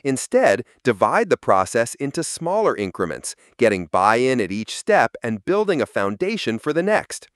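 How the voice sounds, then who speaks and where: A man's voice: mid-range voice, dry recording. Guy reading a scripted lesson, explains evenly, voice moves up and down a lot, dry. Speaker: narrator. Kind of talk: scripted narration.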